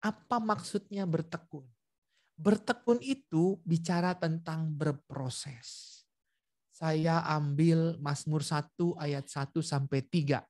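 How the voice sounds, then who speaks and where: A man's voice: on the high side, slow pace, no room sound. Dry-voiced male preacher telling a story. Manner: lively storytelling, acting out dialogue; addresses listeners directly. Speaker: guest preacher at a prayer meeting. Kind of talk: sermon with a personal story. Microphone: video call.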